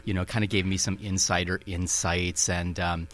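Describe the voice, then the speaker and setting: A middle-aged museum director with a Minnesota accent thinks through his answers in a radio interview, hedging and using lots of fillers. His voice sits low with a level tone, a bit bright, at normal speed.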